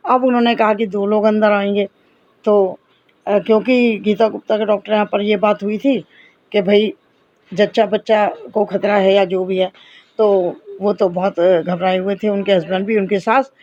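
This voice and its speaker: A woman's voice: medium pitch, steady tone, normal speed, a little mellow, no echo, dull audio. Earnest middle-aged woman telling a testimony. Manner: earnest, addresses listeners as companions, reenacts dialogue. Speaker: devotional storyteller. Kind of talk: personal testimony storytelling.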